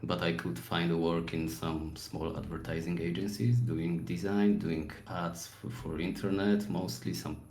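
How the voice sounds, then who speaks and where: A man's voice: sits low, flat delivery, measured pace, few pauses, a little mellow, echoey room, rough recording. A man in his forties from Poland with a Polish accent, easygoing and searching for words as a guest in a casual podcast interview. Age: 40s. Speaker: guest artist.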